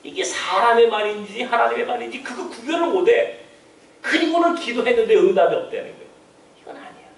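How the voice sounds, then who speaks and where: A high-pitched man preaches with emphatic energy, firing rhetorical questions and chuckling asides. His voice fills a roomy church and reaches the mic from a distance, so it sounds slightly removed. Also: animated, a little fast, gravelly. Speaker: pastor. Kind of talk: sermon. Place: church sanctuary.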